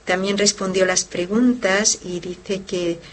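A woman who is a religious sister based in Barcelona hosts a devotional show, teaching with fervor, reading listener letters and speaking directly to her audience. Her medium-pitched voice stays steady, and she takes her time.

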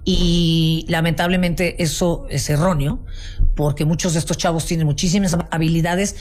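A woman's voice: low voice, fairly even intonation, normal speed, slight background noise. A woman with a Mexico City Spanish accent, a guest telling her story in a casual interview, passionate and full of restarts. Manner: warm, passionate storytelling with many restarts and fillers. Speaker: guest, founder of a folk art business.

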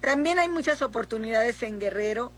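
A middle-aged Mexican woman senator answering in a political interview, speaking haltingly with many fillers and restarts. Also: on the high side, animated. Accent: Mexican Spanish.

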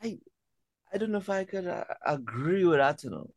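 A man being interviewed as a music artist, talking in a relaxed way and often repeating words as he thinks. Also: high-pitched, moderate pace, dry recording, lo-fi sound. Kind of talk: casual interview talk.

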